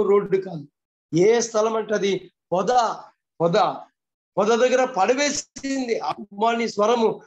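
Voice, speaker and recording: A man with a high-pitched voice delivers a morning devotional sermon, pressing his points through repetition and rhetorical questions. His voice comes through the muffled, lo-fi sound of a video call. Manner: fervent preaching with repeated phrases and rhetorical questions. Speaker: pastor.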